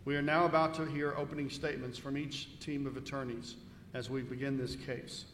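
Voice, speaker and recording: A man's voice: medium pitch, little pitch movement, brisk, fairly bright tone. A man speaking as presiding judge, giving formal scripted instructions to a jury. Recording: echoey reverberant hall with faint noise.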